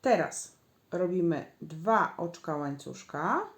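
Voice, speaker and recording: Slow, patient woman teaching crochet. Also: lowish voice, animated. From Poland. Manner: slow, patient instructions, counting stitches aloud. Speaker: crochet instructor. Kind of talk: step-by-step crochet tutorial. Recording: echoey room.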